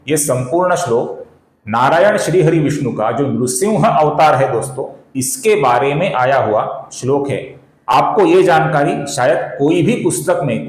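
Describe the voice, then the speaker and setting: A man's voice: a little high, darkish tone. Man teaching Sanskrit chant, echoey room. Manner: slow, deliberate chanting of verses; addresses viewers as friends. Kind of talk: recitation tutorial.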